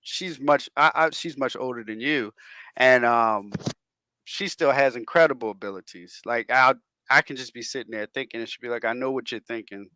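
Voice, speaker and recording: A man hosting a talk radio interview, chatty and quick to laugh, asking rambling questions full of restarts. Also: medium pitch, sharp tone, clear, resonant tone, dry recording. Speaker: radio show host. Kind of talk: casual interview chat.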